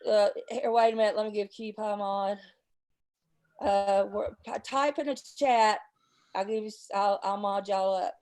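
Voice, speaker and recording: A woman's voice: medium pitch, fairly even intonation, unhurried, a little mellow. A woman hosting a livestream, talking in a heated, profane, rambling way, stuffy with a cold and a sore throat. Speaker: livestream host. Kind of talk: casual chat and angry rant.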